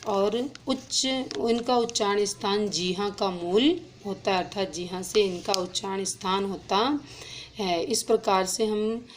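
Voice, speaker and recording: A woman teaching an exam-prep lesson, slowly spelling out sounds and letters one by one. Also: mid-range voice, slight background noise.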